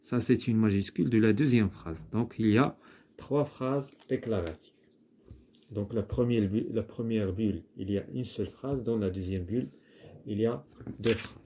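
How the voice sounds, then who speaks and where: A man teaching a primary-school French grammar lesson, explaining slowly and repeating himself while he writes out the examples. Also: lowish voice, dark tone. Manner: slow, repetitive explaining with restarts and fillers.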